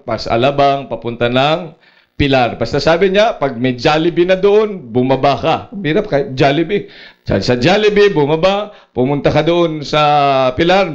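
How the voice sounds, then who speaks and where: A man's voice: fairly high pitch, highs cut off. A male pastor preaching a sermon at a prayer meeting, mixing English phrases into his talk and adding laughs and asides to the congregation.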